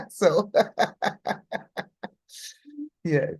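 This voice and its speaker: Workshop host, woman from the US, unhurried and effusive, laughs often, dry close sound. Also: lowish voice, animated, slightly rough, no room sound. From United States. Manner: effusive, laughing, slow and drawn-out. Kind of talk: closing thanks at a live workshop.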